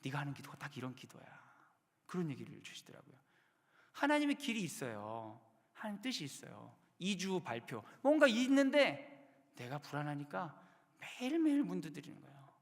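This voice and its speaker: Animated preaching man, gravelly voice. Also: moderate pace. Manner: animated preaching, sudden loud bursts and hushed low endings. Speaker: pastor. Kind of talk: sermon. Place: church sanctuary. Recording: long hall reverb.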